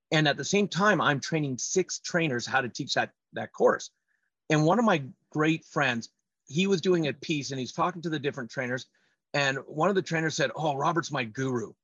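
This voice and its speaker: A man's voice: medium pitch, a bit bright, no room sound, lo-fi sound. A man speaking as an interview guest, telling personal stories conversationally and emphatically. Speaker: podcast guest, trainer and speaker.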